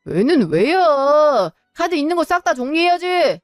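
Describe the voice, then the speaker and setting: A woman's voice: fairly high pitch, lively intonation, moderate pace, no room sound, studio quality, soft background music, lightly acted. A woman voicing a bitter, hot-tempered divorced son. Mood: furious. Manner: shouting, resentful. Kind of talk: Korean web drama voice acting.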